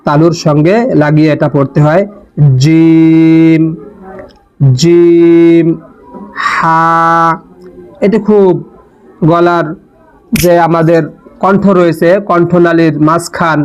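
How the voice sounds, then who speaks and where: A male teacher with a smooth, resonant voice that sits a little high for a man, speaking very slowly and drawing out each sound deliberately. The recording is dull and lo-fi. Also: level tone. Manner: slow, deliberate, repeats and draws out each sound. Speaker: Quran teacher. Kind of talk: slow instructional lesson on letter pronunciation.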